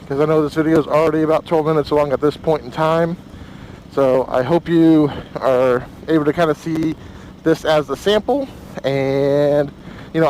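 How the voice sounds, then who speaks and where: A man's voice: a little high, darkish tone, slight background noise, poor audio. A man vlogging casually as he rides, his voice raised inside a helmet. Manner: raised voice, talking from inside a helmet while riding. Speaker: motovlog host. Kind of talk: casual vlog talk while riding a motorcycle. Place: outdoors, riding a motorcycle.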